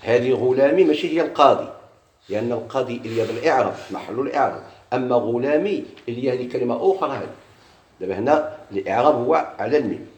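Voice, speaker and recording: Brief: Moroccan-accented male grammar teacher, quick delivery, quizzes himself aloud, echoey room. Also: medium pitch, lively intonation, a little mellow, a little hiss or hum. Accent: Moroccan Arabic. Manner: poses questions and answers them himself. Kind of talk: classroom grammar lesson.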